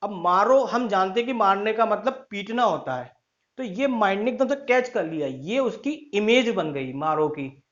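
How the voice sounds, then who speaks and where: High-voiced male tutor. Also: lively intonation, moderate pace, fairly bright tone, muffled recording. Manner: addresses listeners as children, tells stories to explain. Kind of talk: classroom lecture to students.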